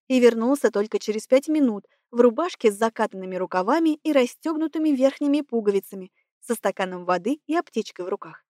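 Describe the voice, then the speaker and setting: A woman narrates an audiobook with a measured, expressive reading. Her voice sits high, and the recording is dry and close. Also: no room sound. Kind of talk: scripted narration.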